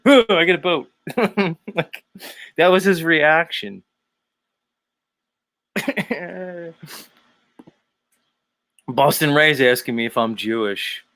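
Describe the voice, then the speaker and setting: A man's voice: medium pitch, bright, forceful tone, clean tone, dry recording. A man hosting a casual livestream, talking crudely and mockingly and laughing often. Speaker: streamer host.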